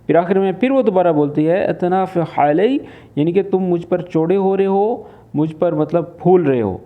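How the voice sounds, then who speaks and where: A man from Pakistan teaching, patiently explaining and translating spoken phrases. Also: high-pitched. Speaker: Arabic teacher. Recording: phone-like lo-fi voice.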